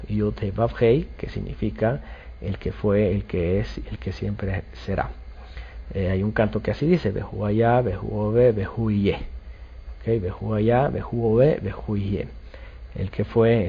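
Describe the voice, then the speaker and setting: Man, bible teacher, lecture, husky, low, hesitant fillers, lo-fi recording. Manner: explanatory, frequent "ok?" checks and hesitations.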